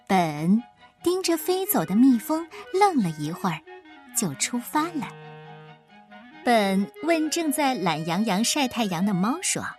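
Give me a woman with a slightly high, expressive voice narrating a picture book. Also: a little slow, soft background music. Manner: expressive, gentle storytelling. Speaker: storyteller. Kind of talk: picture-book read-aloud.

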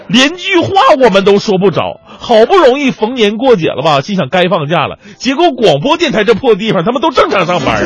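A man doing a stand-up comedy monologue as a radio host, telling jokes with animated storytelling. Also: sits high. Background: audience laughter.

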